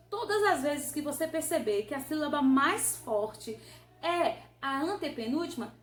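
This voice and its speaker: A woman's voice: sits high, slight background noise. A woman teacher, patiently explaining a grammar revision lesson and often checking that the listener follows. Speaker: Portuguese teacher. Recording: roomy echo.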